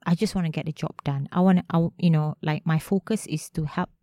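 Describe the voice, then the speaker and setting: Low-pitched Malaysian woman speaking Manglish. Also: steady tone, brisk, mellow, no echo, clean studio sound. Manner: Manglish, mixing Malay words and particles into English; informal, frequent "you know". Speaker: interview guest, head of a startup agency. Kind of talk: conversational interview answers.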